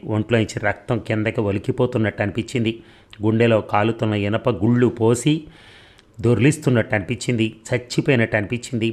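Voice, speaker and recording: A middle-aged man reading a story aloud in a steady narrating voice. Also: lowish voice. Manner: steady reading, voicing dialogue of both lovers.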